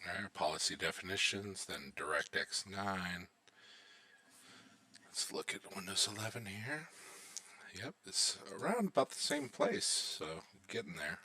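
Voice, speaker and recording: Man, low bright voice, relaxed screen-recording tutor thinking aloud. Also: measured pace. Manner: relaxed, thinking aloud while watching installs. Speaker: IT instructor.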